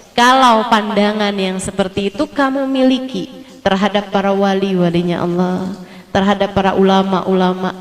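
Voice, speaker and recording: A woman preacher giving an Islamic sermon in a casual, animated way, acting out quoted voices and laughing as she goes. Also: mid-range voice, in a large hall.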